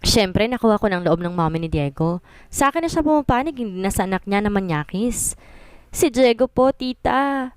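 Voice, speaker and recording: A woman's voice: mid-range voice, animated, a little fast, clear, resonant tone, no echo. A woman reading a first-person story aloud with an exasperated, complaining tone.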